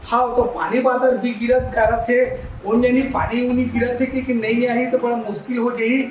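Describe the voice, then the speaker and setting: High-voiced grumbling Chhattisgarhi shop servant, played by a man. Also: flat delivery, moderate pace, a little hiss or hum, poor audio. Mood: explaining. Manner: grumbling, repetitive, dismissive. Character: exasperated male village shop servant minding credit accounts. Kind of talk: amateur village comedy skit acting.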